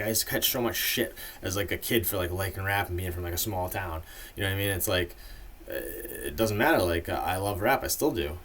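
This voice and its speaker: A man's voice: lowish voice, fairly bright tone. A man in a casual, rambling monologue full of fillers, giving his opinions as the host of a ranking video.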